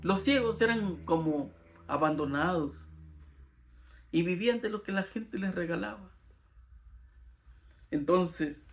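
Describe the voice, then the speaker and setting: A man giving an earnest Bible lesson in sermon style, his voice rising and falling for emphasis. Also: high-pitched. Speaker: Bible teacher.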